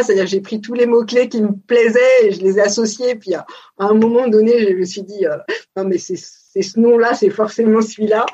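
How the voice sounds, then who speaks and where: Forties female founder, husky, thoughtful and halting, interview guest on a dull lo-fi recording. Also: medium pitch, a little mellow. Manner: thoughtful, hesitant with many fillers. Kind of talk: casual interview conversation. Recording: dull lo-fi sound.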